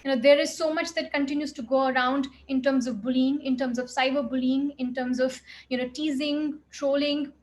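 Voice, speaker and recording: High-voiced woman lecturing. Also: steady tone, moderate pace, few pauses. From India. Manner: earnest, heavy use of "you know" fillers. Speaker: clinical psychologist giving an expert talk. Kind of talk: reflective expert talk.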